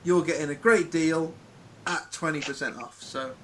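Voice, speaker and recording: A man's voice: fairly high pitch, steady tone, moderate pace, a bit bright, slight background noise. Rambling man hosting a chat. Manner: rambling, full of ums and restarts. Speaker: podcast host. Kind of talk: casual live chat.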